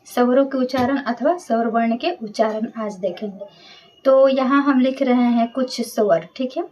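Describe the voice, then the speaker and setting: A woman teacher giving a grammar lesson, patiently repeating each vowel sound slowly and checking in often. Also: on the high side, darkish tone, far from the mic, highs cut off.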